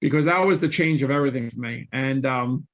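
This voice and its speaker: Speaking a little fast in a mid-range, slightly bright voice, a middle-aged man recounts his own story as a guest on an interview show. The real estate investor comes across as earnest and open, frequently starting sentences over and fixing what he just said.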